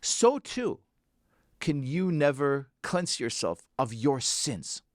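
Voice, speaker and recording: A man's voice: medium pitch, very animated, slow pace, no echo, studio quality, voice pushed up. A man voicing a stern female prostitute who delivers a harsh judgment, in a solemn pronouncing manner.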